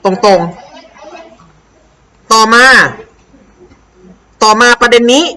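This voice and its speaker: Thai woman teacher, slow drilling delivery, bright tone, coaxes pupils to repeat. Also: fairly high pitch, low-quality recording. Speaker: English teacher. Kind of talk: explaining a worksheet to young pupils.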